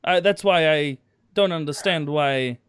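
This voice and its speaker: A man's voice: fairly high pitch, a little slow, clear, resonant tone, no room sound, clean studio sound, natural voice. A man voicing a proud foreign woman doctor, speaking stiff, broken English with a German accent. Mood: haughty. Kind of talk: in-character tabletop role-play.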